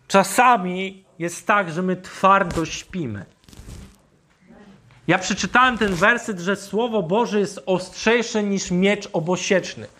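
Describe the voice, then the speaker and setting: A man preaching a sermon, speaking deliberately and asking his listeners rhetorical questions. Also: high voice, a bit bright.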